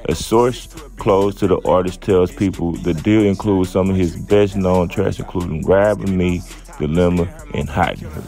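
Over faint music, a man hosting a channel works through a news article in a casual, drawling style. He peppers his slow speech with fillers while sharing opinions, and his very low voice sounds rough and gravelly.

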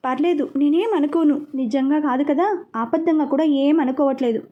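A woman voicing a sharp-tongued young woman who snaps back at her lover in a read-aloud story. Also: high-pitched, normal speed, narrow, tinny audio, close to an everyday voice. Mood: snappy.

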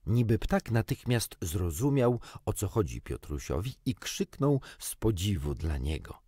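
A man reading a children's storybook aloud with gently wry, expressive storytelling. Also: fairly low pitch, unhurried, slightly rough, no room sound, studio quality. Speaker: audiobook reader. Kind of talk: storybook narration.

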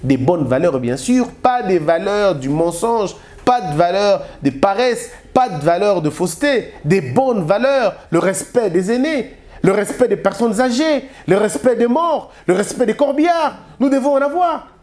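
A man's voice: high-pitched, animated, measured pace, a little mellow. A man from Congo, giving a moralizing public address full of rhetorical questions and exhortations. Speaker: speaker on family values.

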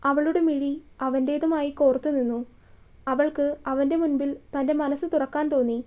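High-voiced woman narrating a romance. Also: fairly even intonation, normal speed, warm tone. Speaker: storyteller.

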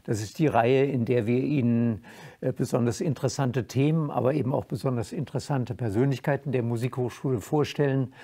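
An older man hosting a formal interview in a studio, speaking in a measured way with frequent fillers. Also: medium pitch, mellow. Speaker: host, interviewer. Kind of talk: moderated interview. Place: dark studio stage, indoors.

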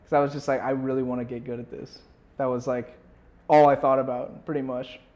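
A young adult man, a musician guest in an interview, talks casually in a mid-range voice with a flat, slightly fast delivery and a darkish tone. He rambles in slang, saying "like" constantly. He's recorded on a clip-on lapel mic in a small furnished indoor room.

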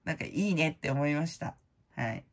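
Blunt, rambling woman with a gravelly low voice. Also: fairly quick. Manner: rambling, blunt, slangy, many fillers; loud-voiced by her own account. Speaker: prize-winning vlogger host. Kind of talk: casual chat.

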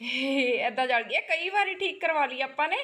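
High-pitched chatty Punjabi woman vlogger. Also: expressive, moderate pace, sharp tone. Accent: Indian Punjabi. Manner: chatty, often seeks agreement with tag words. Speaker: family vlog host. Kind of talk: casual chatty home vlog. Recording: echoey room, faint background noise.

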